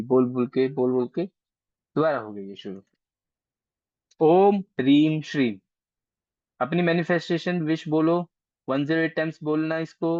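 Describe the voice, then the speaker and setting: A man's voice: mid-range voice, dry recording. A man teaching an online astrology class in a casual, chatty way, coaxing and teasing his students, heard over a video call. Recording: dry, dull lo-fi call audio.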